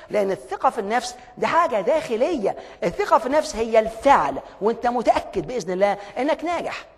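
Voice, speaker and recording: A man with an Egyptian accent giving an emphatic motivational lecture, telling stories energetically. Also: high-pitched. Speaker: motivational speaker. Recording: long hall reverb.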